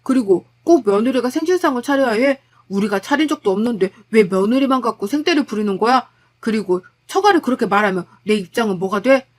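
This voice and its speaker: A woman's voice: a little high, animated, fairly quick. Woman reading a blunt exasperated husband. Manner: blunt, reproachful arguing. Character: exasperated husband arguing with family.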